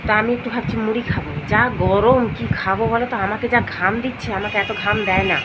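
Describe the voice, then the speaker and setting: A hoarse, unwell middle-aged woman, walking outside at night and chatting straight to her vlog viewers. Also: mid-range voice, fairly even intonation, fast talker. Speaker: vlogger. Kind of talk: casual daily vlog chat. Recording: loud street and traffic noise.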